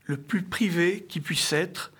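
A middle-aged man presenting an author's book to an audience in formal, literary phrasing, with halting, hesitant delivery and a husky voice. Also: high voice, fairly bright tone. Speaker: speaker introducing an author's book. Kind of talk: semi-prepared public book presentation.

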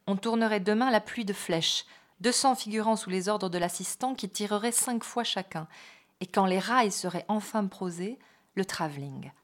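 A woman's voice: mid-range voice, moderate pace. Woman reading a novel aloud. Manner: expressive reading with brief spoken asides. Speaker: reader.

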